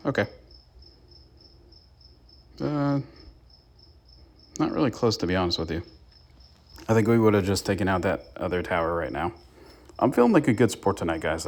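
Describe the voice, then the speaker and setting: A man's voice: low voice, sing-song, normal speed, long pauses. A young man giving casual gameplay commentary and tips to his viewers as the channel's host. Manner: chatty, gives tips to viewers. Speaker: gaming YouTuber.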